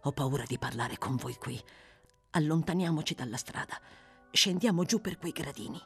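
A woman voicing a frightened young woman of the streets, speaking in an urgent, bitter hush. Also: low voice, lively intonation, normal speed, slightly rough, faint music behind, exaggerated voice.

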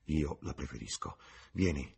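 A man's voice: extremely low pitch, expressive, normal speed, creaky, a little mellow, slightly rough, full character voice. A man voicing a ruined young man in an opium den, speaking wearily and resignedly. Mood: listless.

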